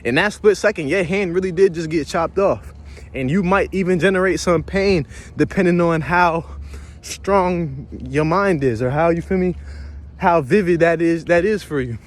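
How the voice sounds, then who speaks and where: A man's voice: a little high, moderate pace. A man rambling and philosophizing in a casual, profane walk-and-talk vlog, out of breath from walking outdoors by a pond and filming himself on a phone. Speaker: vlogger.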